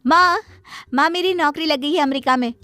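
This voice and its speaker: A spoiled, chirpy young cartoon daughter, voiced by a woman in a bright, very high voice. She sounds bratty and careless, with a dry, close sound. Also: moderate pace, no room sound. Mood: excited. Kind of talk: Hindi cartoon voice acting.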